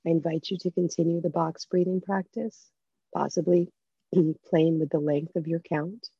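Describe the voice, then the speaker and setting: A woman leading a guided breathing meditation over a video call, speaking softly with gentle invitations. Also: low voice, level tone, breathy edge, dry recording. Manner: slow, soft-spoken, gentle invitations. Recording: dull lo-fi video call audio.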